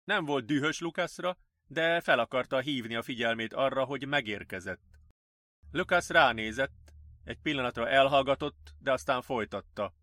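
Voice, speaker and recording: A man reading an audiobook in even, measured storytelling. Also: medium pitch, dry recording, studio quality. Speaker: audiobook narrator. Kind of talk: scripted audiobook narration.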